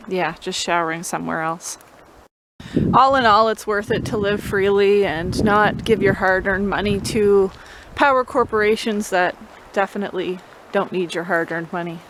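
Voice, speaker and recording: A woman's voice: medium pitch, moderate pace. A woman vlogger giving a laid-back, informal how-to explanation, chatting casually to the camera. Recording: clear background noise and ambience.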